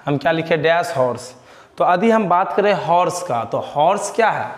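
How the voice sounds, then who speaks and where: Bihari accent guy teaching grammar, bit high voice, asks then answers himself, echoey reverb. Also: animated, moderate pace. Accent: Bihari Hindi. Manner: asks the class questions and answers them himself, repeats key words. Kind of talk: classroom grammar lesson.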